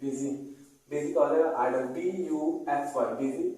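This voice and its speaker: A man's voice: fairly high pitch, steady tone, unhurried, dark tone. Male tutor with a Hindi accent, patient repeater, far from the mic in a very echoey room. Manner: spells words letter by letter, repeating each several times. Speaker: teacher. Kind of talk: spoken vocabulary lesson, spelling out words.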